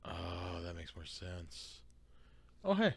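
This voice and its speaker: A man co-hosting a podcast in casual chat, reading out dad jokes and laughing loudly at his own puns. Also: sits low, huge pitch swings, slow, creaky, breathy edge, dry recording. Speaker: podcast co-host.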